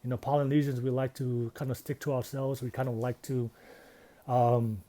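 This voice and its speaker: A man's voice: medium pitch, little pitch movement, normal speed, dark tone. A man, talking earnestly and reflectively in a casual personal vlog. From Tonga. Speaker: vlogger.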